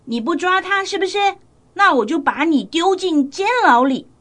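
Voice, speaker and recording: A woman's voice: sits high, sing-song, a little slow, heavily acted. A woman voicing a bossy, hot-tempered male king in a children's storybook tale, with a commanding, blustering manner. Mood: angry.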